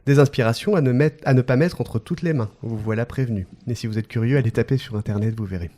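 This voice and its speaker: A man's voice: medium pitch, quick pace, warm tone. A man hosting a podcast, reading out a guest introduction with playful joking asides and frequent laughter. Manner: playful, often breaks into laughter. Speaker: podcast host.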